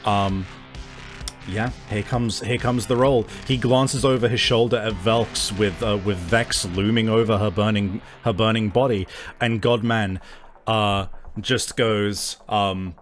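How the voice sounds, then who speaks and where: A man's voice: fairly low pitch, steady tone, measured pace, soft background music. A man running a tabletop game as game master, talking casually with frequent swearing and fillers.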